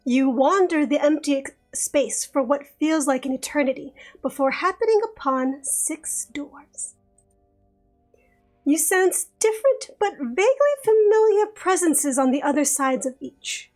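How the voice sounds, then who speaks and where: Giggly high-pitched woman streamer reading game narration, soft music underneath. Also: lively intonation. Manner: giggly and chatty, reads narration slowly. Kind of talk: reading a visual novel aloud on stream.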